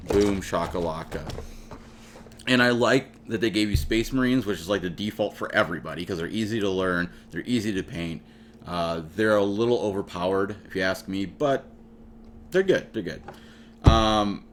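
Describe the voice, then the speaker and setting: A man's voice: low voice, slight background noise. Jokey man hosting a hobby vlog. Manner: playful, jokey, talks straight to viewers. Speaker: channel host. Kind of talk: casual hobby vlog talk.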